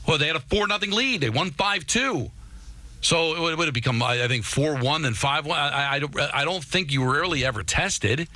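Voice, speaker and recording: A man's voice: a little high, expressive, fairly quick, sharp tone, no room sound. A man co-hosting a sports talk radio show, arguing emphatically with repeated starts and rhetorical questions.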